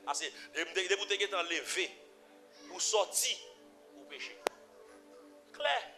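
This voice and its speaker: A man with a Haitian accent preaching a sermon, repeating phrases and swinging from low murmurs to loud emphatic cries. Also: animated, slow pace. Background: music.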